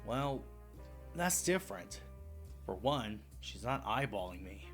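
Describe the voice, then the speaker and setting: A man's voice: lowish voice, sing-song, takes it slowly, faint music behind. A man voicing a reluctant, grumbling young male defense attorney in fan game voice acting. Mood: grumpy.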